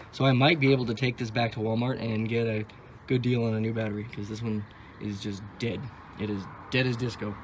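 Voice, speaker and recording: A young car vlogger talks loosely through his car project, thinking aloud as he works and tossing in sarcastic wisecracks. His pitch is an ordinary middle range, and a steady ambient hum sits beneath the casual commentary.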